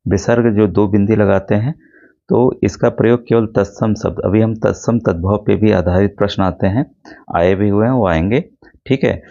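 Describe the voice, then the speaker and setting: Man, teacher, exam-prep grammar lesson, gravelly, dark, patient, slightly dull recording. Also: on the low side, moderate pace. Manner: explains patiently, sounds out letters, repeats "ठीक है".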